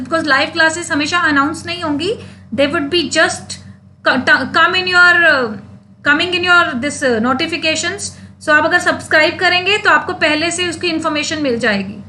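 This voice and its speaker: A high, bright woman's voice with an Indian English accent, teaching a live online English class. She speaks slowly, repeating each sound and letter with patience. A faint hum runs underneath.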